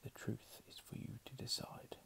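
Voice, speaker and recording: This ASMR reader keeps his delivery slow and hushed, whispering the text quietly while slipping in offhand murmured remarks.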